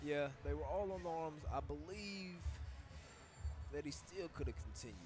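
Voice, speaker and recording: Male ringside color commentator, slightly high pitch, relaxed analytical delivery. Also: moderate pace. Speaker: fight commentator. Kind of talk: live sports commentary. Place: ringside at a live kickboxing event.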